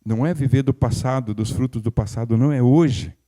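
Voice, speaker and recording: A man's voice: medium pitch, steady tone, fast, mellow. An older male pastor, preaching in a folksy, conversational way with humorous asides and frequent restarts. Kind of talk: sermon.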